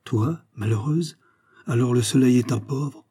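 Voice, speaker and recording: A poor young cowherd, earnest and wondering, speaks in a dark, husky tone, voiced by a man reading a storybook. His lines come softly and a little breathy, full of devotion. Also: medium pitch, unhurried. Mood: incredulous.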